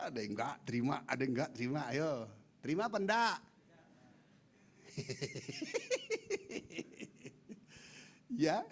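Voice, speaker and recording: A man preaching a lively, humorous sermon to his congregation, acting out the voices of the people in his stories and teasing the listeners. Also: mid-range voice, gravelly. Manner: acts out quoted voices, playful asides to congregation. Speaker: pastor. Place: large church hall.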